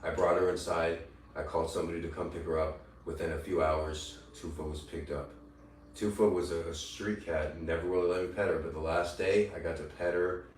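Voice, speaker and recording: A livestreamer delivers an angry rant, steady in tone and fairly quick, his voice echoey and far off the mic with a little hiss or hum. He's profane and taunting, mocking critics in shrill put-on voices.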